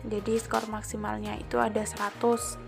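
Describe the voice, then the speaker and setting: A woman's voice: medium pitch, little pitch movement, normal speed, vocal fry. A woman from Indonesia explaining a lesson plan's grading rubrics, going item by item and often repeating phrases. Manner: walks through each item step by step, repeats phrases, restarts words. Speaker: student teacher explaining a lesson plan. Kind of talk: explaining assessment rubrics aloud. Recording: faint music in the background.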